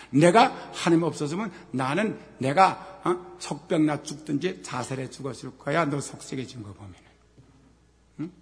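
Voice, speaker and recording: A middle-aged man preaching a sermon as pastor, moving from quiet talk to shouted scripture and asking questions he then answers himself. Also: fairly high pitch. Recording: long hall reverb.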